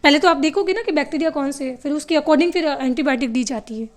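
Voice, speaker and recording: Speaking quickly in a high-pitched voice, a female biology teacher lectures her class, posing questions and supplying the answers herself. She often slips into English terms, addresses her students as "beta," and instructs them to note things down.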